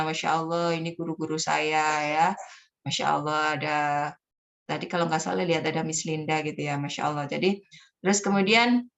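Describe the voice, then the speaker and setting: Animated woman storytelling trainer. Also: low voice. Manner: animated, switches into character voices. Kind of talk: storytelling workshop talk.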